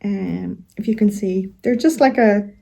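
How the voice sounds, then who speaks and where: A woman in middle age speaks with a Northern Irish accent in a soft-toned, mellow voice. She chats casually to her viewers in a gentle, unhurried way, pausing as she finds her words. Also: medium pitch, vocal fry. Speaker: knitting vlog host. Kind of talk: casual chat to camera.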